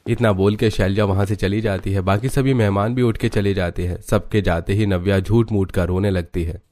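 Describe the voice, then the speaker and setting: A man narrates a scripted cartoon story in a low voice. His delivery is plain and matter-of-fact. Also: steady tone, normal speed, a little mellow.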